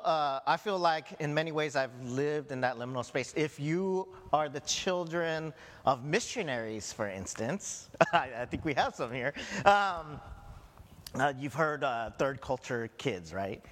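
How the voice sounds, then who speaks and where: A middle-aged American pastor preaches a sermon in a conversational way, often tossing in "right?" His voice sits on the high side and sounds a bit bright, with long reverb from the church hall.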